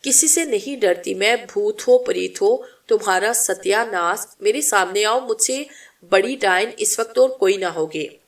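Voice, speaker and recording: A woman voicing a distraught young mother who shouts and curses in a story narration. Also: a little slow, far from the mic, natural voice. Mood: raging grief. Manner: shrill, cursing outbursts.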